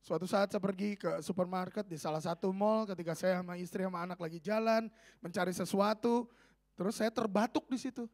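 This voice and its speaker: Middle-aged male pastor, high voice a slight rasp, animated, playful sermon delivery. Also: brisk. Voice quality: slightly raspy voice. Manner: animated, joking, swings between loud and soft.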